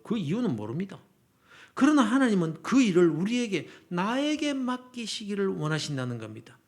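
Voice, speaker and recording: Impassioned high-voiced gravelly male preacher. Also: very animated, normal speed. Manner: impassioned, swinging from loud declaration to near-whisper. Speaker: pastor. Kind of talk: revival sermon. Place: church sanctuary.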